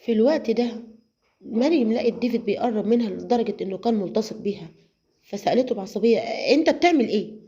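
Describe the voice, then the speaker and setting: A woman with an Egyptian Arabic accent narrating a dramatic serial story in a steady way. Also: fairly high pitch, quick pace. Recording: slightly muffled lo-fi audio.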